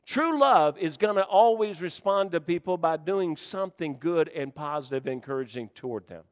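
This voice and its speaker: A man preaching a sermon to his church in a folksy, joking way, swinging from loud shouts to hushed, quiet lines. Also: on the high side, expressive, normal speed, in a large hall. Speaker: pastor.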